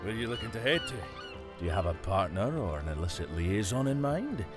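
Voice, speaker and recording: Gruff Scottish sea captain, bragging, lively delivery. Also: male voice, fairly low pitch, fairly quick, over music. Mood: hearty. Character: boastful Scottish ferry captain, bird-loving, brash man. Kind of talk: voiced game dialogue.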